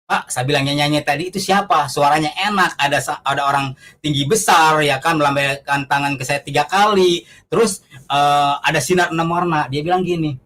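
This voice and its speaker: A man's voice: on the high side, steady tone, fairly quick, a bit bright, slight background noise. A man giving an earnest, conversational testimony, telling his story with fillers and acted-out quotes.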